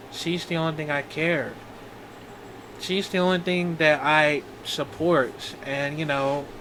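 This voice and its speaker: A man in his twenties talks slowly in a personal video diary, his voice pitched a little high. He halts often and starts his sentences over, rambling as he goes. A faint hum sits underneath. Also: sharp tone, poor audio. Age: 20s. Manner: halting, rambling, full of restarts. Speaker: vlogger.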